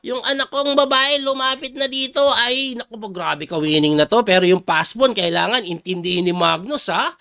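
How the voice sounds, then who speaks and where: A middle-aged man from the Philippines, a chess coach giving excitable live commentary on a game and reacting loudly to each move. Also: sits high, normal speed.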